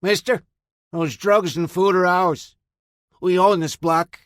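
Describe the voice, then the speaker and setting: A man's voice: high-pitched, steady tone, slow, a bit bright, no echo, studio quality, voice pushed up. A man doing a drunk, slurring street thug. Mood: threatening. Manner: menacing, slurred demands.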